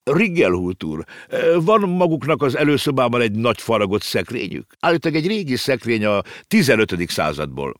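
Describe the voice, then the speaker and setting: A man's voice: mid-range voice, sing-song, no room sound, clean studio sound, pitched above the performer's own voice, close to an everyday voice. A man voicing a courteous, matter-of-fact talking circus horse in a storybook reading.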